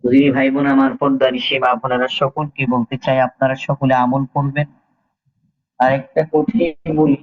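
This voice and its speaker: A man's voice: mid-range voice, dull audio. A man in his forties preaching a sermon, exhorting listeners and quoting Arabic scripture before explaining it. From Bangladesh.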